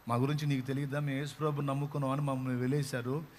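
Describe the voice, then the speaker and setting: A man's voice: medium pitch, level tone, rapid-fire, darkish tone, a little hiss or hum, natural voice. A man voicing a weeping village mother. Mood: grieving pleading. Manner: pleading, sobbing cries.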